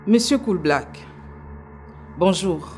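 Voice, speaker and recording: A woman's voice: on the low side, lively intonation, takes it slowly, a little mellow, soft background music. A woman acting as a lawyer in a comedy courtroom sketch, pleading firmly before the judge. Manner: firm, declamatory. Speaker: actor playing a lawyer.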